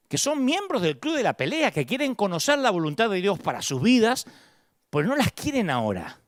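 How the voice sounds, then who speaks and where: A middle-aged man with a Rioplatense Argentine accent delivers a sermon in a high, very lively voice that swings widely in pitch. He preaches dramatically, slipping into the voices of the people he quotes. The recording is close and dry, with no room sound. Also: no room sound. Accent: Rioplatense Spanish. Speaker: pastor.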